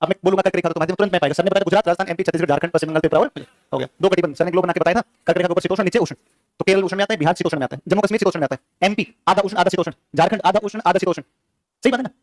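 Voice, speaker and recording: Male teacher, high voice, very fast classroom lecture, dry close sound. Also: dry recording. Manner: quizzes students with rapid questions.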